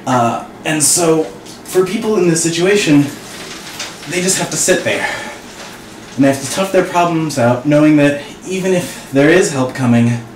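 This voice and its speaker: A man's voice: a little high, expressive, normal speed, distant mic. Shivering man in an echoey bathroom. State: shivering, breath strained from sitting in ice water. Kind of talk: earnest monologue to camera. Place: small tiled bathroom, sitting in bathtub. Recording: echoey bathroom with clear background noise.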